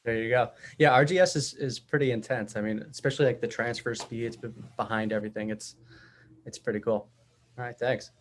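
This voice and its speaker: A man on a video call, talking in a relaxed, offhand way during a casual panel chat. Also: medium pitch, fairly quick.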